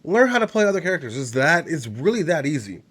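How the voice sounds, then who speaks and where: A man's voice: a little high, very animated, quick pace, fairly bright tone, husky. A young man with a cold and a congested voice, ranting casually about gaming in a profane, rambling, heated way. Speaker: gaming channel host. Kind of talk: casual rant to camera.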